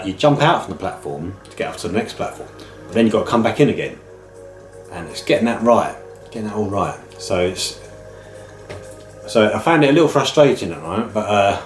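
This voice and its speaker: Middle-aged British male vlogger, lowish and a bit nasal with man flu, informal rambling chat, very roomy sound. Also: animated, a little fast, long pauses. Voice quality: slightly nasal, bunged up with a cold. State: man flu, a head cold. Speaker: host of a video game pick-ups channel. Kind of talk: casual chat to camera. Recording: roomy echo, music underneath. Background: music.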